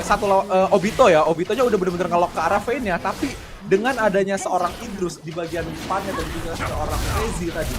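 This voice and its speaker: A man with a colloquial Jakarta Indonesian accent giving excited analytical game commentary, exclamatory and full of English gaming terms. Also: sits high.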